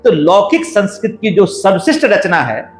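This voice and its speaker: A man with a high, animated voice explains things step by step, like a lecturer stacking up points. He sounds unhurried and measured. The room is echoey, and a faint bed of music plays underneath. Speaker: guest scholar. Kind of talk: explanatory podcast talk. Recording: roomy echo, faint background music.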